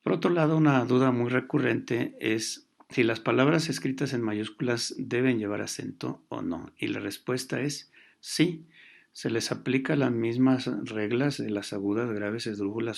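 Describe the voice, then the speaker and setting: A man teaching a grammar lesson, explaining patiently with pauses and fillers. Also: medium pitch, fairly even intonation, creaky.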